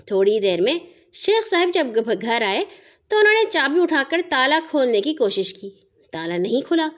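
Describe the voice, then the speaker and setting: High-pitched lady reading a bedtime-style kids' story, calm and clear. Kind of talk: children's audio story narration.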